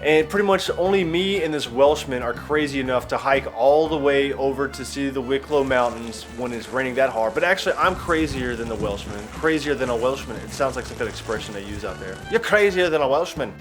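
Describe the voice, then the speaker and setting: A man's voice: mid-range voice, brisk, few pauses, music in the background. A young man vlogging his travels in a wry, rambling, self-mocking way. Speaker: travel vlogger and stand-up comedian. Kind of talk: casual vlog chat.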